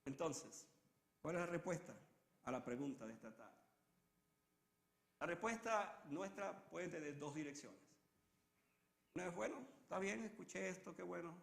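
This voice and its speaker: A male preacher delivers a sermon with high, ringing tones, surging into loud climaxes and then sinking into hushed repetitions. His voice echoes around the church sanctuary. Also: expressive, normal speed, creaky, long pauses.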